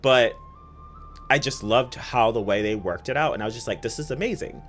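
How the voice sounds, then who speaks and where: A gaming streamer chatting casually while playing, telling stories excitedly and talking to the chat. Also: medium pitch, normal speed, soft background music. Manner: excitable, giggly storytelling, talks to chat.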